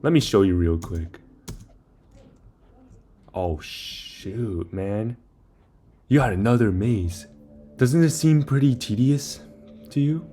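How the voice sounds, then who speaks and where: A young video maker talks slowly through a game guide, explaining steps while playing in a casual, slightly rambling way. His lowish voice is expressive and dark in tone, broken by long pauses, with faint music behind him.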